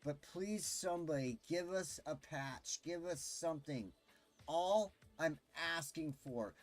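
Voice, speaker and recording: A man's voice: a little high, a little mellow. A man streaming a city-building game, delivering an impassioned, pleading rant with swearing. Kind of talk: ranting gameplay commentary.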